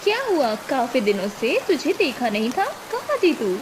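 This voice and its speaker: A woman's voice: high-pitched, big pitch swings, moderate pace, noisy background. A woman voicing a kind, caring young woman from a rich family in a cartoon, firm and generous.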